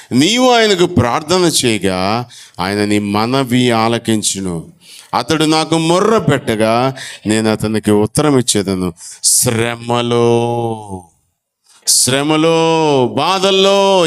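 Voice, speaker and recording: A man preaching a sermon in church, calling out to the congregation and acting out conversations, his voice swinging from loud to low and soft. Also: clear, resonant tone. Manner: animated preaching, with sudden drops to a low, soft voice; acts out dialogue and calls to the congregation. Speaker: pastor.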